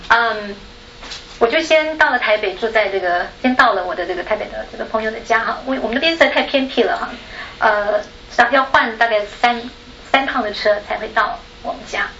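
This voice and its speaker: A woman's voice: fairly high pitch, a little fast, slight background noise. A woman from Taiwan with a Taiwanese Mandarin accent, telling a personal story in a chatty way as a panel speaker. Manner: chatty, tags sentences with a soft particle, laughs often. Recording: echoey room, dull sound.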